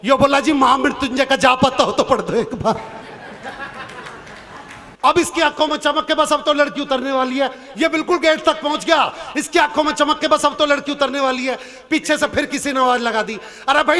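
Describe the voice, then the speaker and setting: A man telling a comic story on stage at a poetry gathering. He acts out the characters and shouts some of their lines. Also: very high voice. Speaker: stage poet. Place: outdoor stage event with audience laughter.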